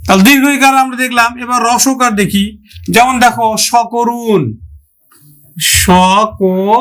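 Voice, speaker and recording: A man's voice: extremely high pitch, steady tone, normal speed, fairly bright tone. A male teacher giving a grammar lesson, addressing students with questions and sounding out example words syllable by syllable.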